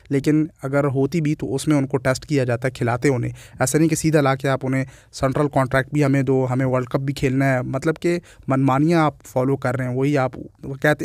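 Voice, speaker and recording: A man's voice: mid-range voice, a little mellow, no room sound, clean studio sound. A man with a Pakistani Urdu accent giving opinionated cricket commentary in a channel vlog, talking in short listed phrases with English words mixed in.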